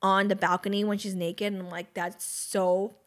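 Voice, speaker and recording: A woman's voice: medium pitch, little pitch movement, a little fast, fairly bright tone. Teasing woman in casual podcast chat. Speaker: podcast co-host.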